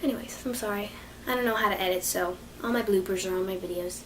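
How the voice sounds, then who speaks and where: A woman's voice: mid-range voice, quick pace. A young woman talking casually to camera about training dogs, rambling, apologizing and laughing at herself. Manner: rambling, self-deprecating, giggly. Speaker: dog training vlogger. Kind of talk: casual unscripted vlog. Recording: distant mic with faint noise.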